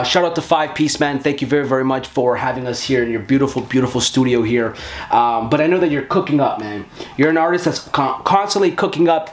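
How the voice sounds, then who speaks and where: A man hosting a podcast interview from a music studio, talking in a hyped, slangy, energetic way. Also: mid-range voice. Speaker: podcast host. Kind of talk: casual interview. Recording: roomy studio with faint noise.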